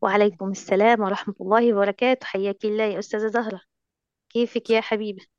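A woman's voice: medium pitch, flat delivery, very fast, darkish tone, smooth, no echo, highs cut off. A woman teacher with an Egyptian Arabic accent, coaching recitation in an online lesson, coaxing and affectionate, full of endearments.

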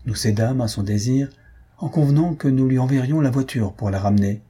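A man reading a classic novel aloud as a first-person audiobook narrator, in a measured, even delivery. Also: medium pitch, husky.

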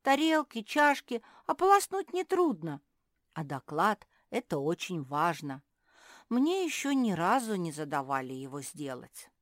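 A woman voicing a gentle, puzzled young female pug in a storybook reading, speaking mildly and in wonder. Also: fairly low pitch, very animated, unhurried, dry recording, clean studio sound.

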